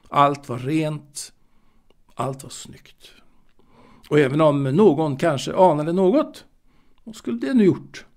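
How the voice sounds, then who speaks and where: In this audio drama monologue, a man played by a male actor recalls his youth, coming across as wistful, bookish and secretive as he confides haltingly. The pitch sits fairly high with a darkish, creaky tone, and the delivery is hesitant, broken up by repeated words.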